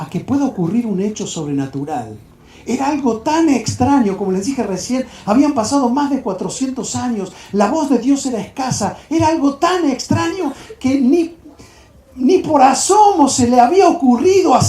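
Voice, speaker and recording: A man with a Uruguayan accent, giving a storytelling sermon to young people in a dramatic, animated way. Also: very high-pitched. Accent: Uruguayan Spanish. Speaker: speaker at youth event. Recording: echoey hall.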